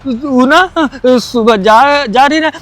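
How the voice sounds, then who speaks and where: A man's voice: very high voice, slow pace, fairly bright tone. A man playing a poor village security guard who stammers and pleads in rustic speech. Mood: distressed.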